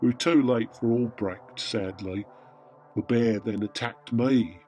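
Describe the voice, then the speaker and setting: A man playing an immortal Father Christmas in a radio drama, measured, weary and matter-of-fact in a wry, deadpan way. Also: mid-range voice, soft background music, lightly acted. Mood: calm, avuncular. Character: Father Christmas, immortal, wryly matter-of-fact male gift-giving saint. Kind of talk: radio drama dialogue in comic pantomime.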